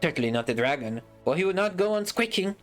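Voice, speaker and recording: A storybook reader voicing a gruff dwarf leader who gives orders in a lower, stern manner. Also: expressive, fast, soft background music, natural voice. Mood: puzzled.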